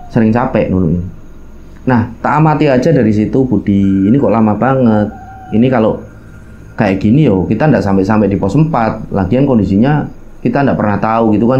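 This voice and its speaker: A man with a Javanese accent tells the story of his own mountain hike in a warm, lowish voice, and the audio sounds dull. He talks casually and straight to his listeners, acting out quoted dialogue and dropping in local phrases.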